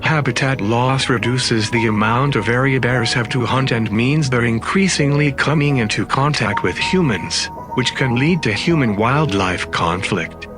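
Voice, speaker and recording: A man's voice: mid-range voice, unhurried, few pauses. A man reading scripted narration in the manner of a nature documentary. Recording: music under the voice. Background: background music.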